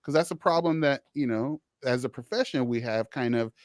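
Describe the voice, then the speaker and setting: Male podcast host, mid-pitched voice, loose and rambling delivery, dry close recording. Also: fairly quick, dry recording. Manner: rambling and warm-hearted, many restarts and "you know"s. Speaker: podcast host, social worker. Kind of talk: casual podcast conversation.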